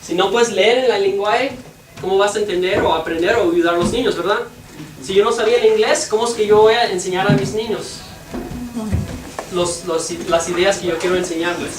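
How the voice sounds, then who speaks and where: Background music accompanies a medium-pitched teacher, a native English speaker, who halts and searches for words while translating in a bilingual lesson. It was recorded in an echoey room with a distant, noisy mic.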